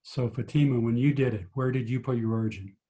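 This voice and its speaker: A man's voice: medium pitch, fast, mellow. A man tutoring physics over a video call, patiently explaining each step and asking his students questions. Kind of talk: online tutoring lesson.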